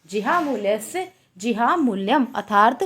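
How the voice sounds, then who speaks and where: A woman's voice: on the high side, lively intonation, a little slow, fairly bright tone, husky. A woman teaching a Sanskrit exam-prep lecture, asking questions and repeating the answers.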